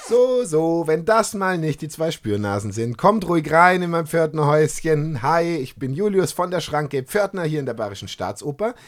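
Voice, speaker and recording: A man's voice: a little high, lively intonation, normal speed, hardly any pauses, lightly acted. A man playing a friendly, fussy porter who hosts children in a radio play, with an exclamatory, welcoming manner. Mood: animated. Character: friendly, fussy male porter at an opera house. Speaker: host.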